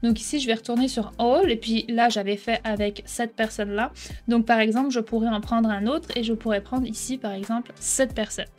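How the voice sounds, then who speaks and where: A woman hosting a casual software tutorial, explaining step by step and checking in with the viewer often. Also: on the high side, fairly even intonation, fairly quick. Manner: chatty, explains step by step, keeps asking "d'accord?". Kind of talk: casual screen-recording tutorial.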